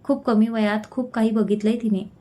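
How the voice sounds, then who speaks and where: A woman's voice: fairly high pitch, fairly even intonation, normal speed, mellow, lightly acted. A woman voicing an earnest, caring young man. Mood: concerned. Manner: earnest, worried tone. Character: young man, caring, quick to scold friends.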